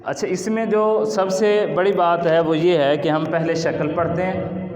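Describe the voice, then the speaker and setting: A man's voice: high-pitched, fairly even intonation, darkish tone. A man teaching a Quran reading lesson to a class, explaining patiently and asking the students questions. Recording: echoey hall, dull sound.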